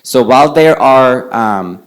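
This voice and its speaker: A man's voice: medium pitch, slow pace. Man from Bosnia, non-native English speaker, presenting at a conference, easygoing and conversational, mid-range voice. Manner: relaxed, conversational, walks around while speaking. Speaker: panel speaker on climate finance. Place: conference venue with a live audience. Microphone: handheld microphone.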